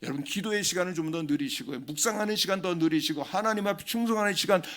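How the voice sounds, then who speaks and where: Older male pastor preaching with emphatic swings. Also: fast talker. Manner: emphatic preaching, leaps in pitch and loudness, acts out family dialogue. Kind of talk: sermon with personal story. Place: church sanctuary.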